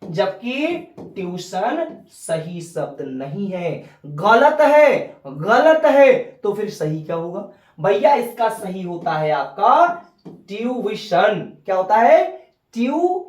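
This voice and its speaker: A man teaching English pronunciation in a video lesson, drilling each word slowly and repeating it several times. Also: high-pitched, echoey room. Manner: lively, repeats words slowly to drill them. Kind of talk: classroom-style video lesson.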